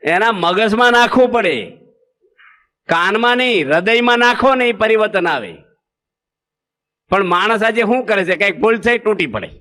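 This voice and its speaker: A man's voice: high-pitched, animated, moderate pace, pauses often, bright, forceful tone. A man with a Gujarati accent giving a humorous sermon as a monk, asking the audience rhetorical questions and acting out parents and children. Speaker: monk preacher.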